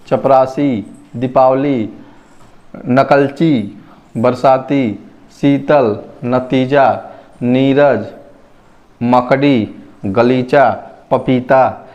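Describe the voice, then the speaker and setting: Slow, careful male Hindi phonics teacher. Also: on the high side, darkish tone. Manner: reads word lists slowly, repeats each word to stress vowel length. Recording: dull lo-fi recording.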